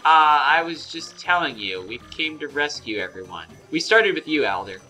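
Dude doing a nervous little creature guy, high and whiny, jumpy pitch, faint music. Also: very animated, moderate pace, sharp tone, heavily acted, rough recording. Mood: earnest. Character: young male creature, meek and flustered.

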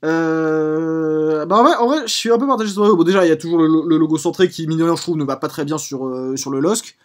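A man's voice: a little high, fast talker. A man hosting a live stream, chatting casually and drifting into digressions. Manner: rambling, prone to digressions. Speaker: streamer host.

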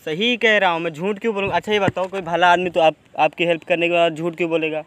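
A man's voice: high voice, fairly even intonation, fast talker, a bit bright. A young man hosting a street prank, teasing and cajoling in casual banter, outdoors in a park and caught by a distant hidden camera. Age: young adult. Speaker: prank video host.

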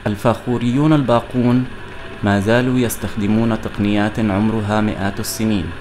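A man reads a scripted documentary narration in formal, measured sentences. His voice sits on the low side. A clear layer of background noise runs beneath the voice-over. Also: fairly even intonation.

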